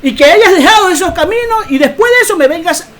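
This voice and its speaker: A woman preacher giving a Bible teaching sermon, emphatic and quick to ask rhetorical questions. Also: very high voice, lively intonation, a bit bright.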